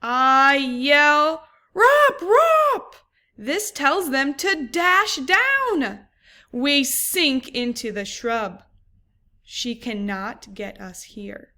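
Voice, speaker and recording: A woman's voice: high voice, sing-song, drawn-out words, pitched above the performer's own voice, exaggerated voice. A woman doing an alert vervet monkey lookout. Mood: urgent. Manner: whispers warnings, yells loud alarm calls.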